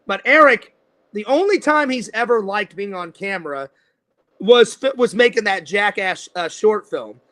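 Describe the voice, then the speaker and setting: Hosting a relaxed interview, this man in his forties wanders through his thoughts, frequently repeating himself and starting sentences over. He speaks high-pitched and sharp-toned with lively intonation at a moderate pace.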